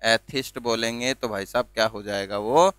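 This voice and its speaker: A man's voice: on the low side, steady tone, moderate pace, a bit bright, smooth, no echo, faint music behind. A man teaching vocabulary, asking questions and answering them himself and spelling words out letter by letter. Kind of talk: classroom-style video lesson.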